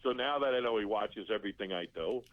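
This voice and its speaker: A man's voice: lowish voice, fast talker. A man guesting on a radio talk show, telling profane stories and laughing often as he acts out what people said. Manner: profane, laughing storyteller acting out quotes. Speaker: interview guest. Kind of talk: casual storytelling on a radio show. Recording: tinny phone line.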